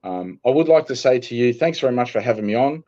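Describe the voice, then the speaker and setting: A man with an Australian accent, a guest telling stories in a relaxed, dry-humored way during a casual interview. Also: mid-range voice, fast, lo-fi sound. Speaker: guest, archery gear business owner.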